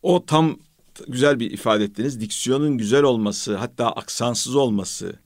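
A man hosting a radio chat talks in a reflective, measured way and sprinkles in religious phrases. His voice sits at an ordinary pitch. The sound is close and dry, with no room around it. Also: dry recording. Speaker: radio host.

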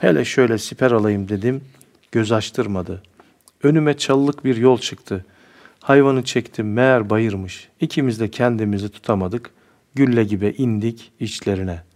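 A cheeky young soldier tells his adventure in rustic, boastful speech, put on by a male reader. His voice sits a little low and the telling stays folksy and plain. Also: normal speed, a little mellow, close to an everyday voice. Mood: spirited.

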